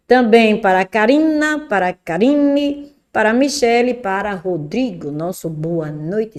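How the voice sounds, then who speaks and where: Chatty teacher. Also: female voice, mid-range voice. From Brazil. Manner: chatty, lively, asks and answers her own questions. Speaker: Portuguese teacher. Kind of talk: exam-correction lesson.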